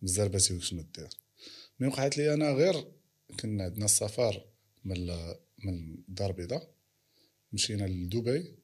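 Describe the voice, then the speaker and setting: A man's voice: fairly low pitch, fast, long pauses, husky. A man with a Moroccan Arabic accent hosting a casual interview. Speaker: interview host.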